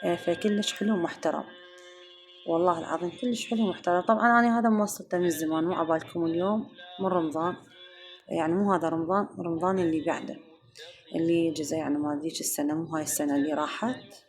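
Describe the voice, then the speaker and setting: Iraqi woman vlogger, chatty and fast, low voice, kitchen talk to her followers. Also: steady tone, faint music behind. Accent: Iraqi Arabic. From Iraq. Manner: chatty, addresses viewers warmly as girls and sweethearts. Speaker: home cooking vlogger. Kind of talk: casual chat to viewers.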